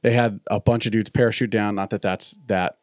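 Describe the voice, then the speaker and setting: A man in his thirties hosting a casual chat, telling stories in an animated way and laughing often. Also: on the low side, brisk, no room sound, studio quality.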